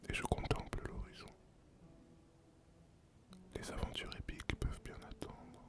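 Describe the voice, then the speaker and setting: A performer voicing a solitary male sea captain and former pirate in a whispered role-play, breathy and unvoiced, telling the tale slowly and poetically to the listener. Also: natural voice. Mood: wistful, serene. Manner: slow, poetic storytelling addressed to the listener.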